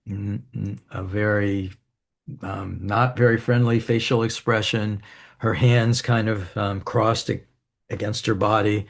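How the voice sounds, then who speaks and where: Low gravelly-voiced man giving a lecture. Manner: relaxed, with frequent ums and restarts. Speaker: keynote speaker. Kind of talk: academic keynote lecture. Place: conference hall.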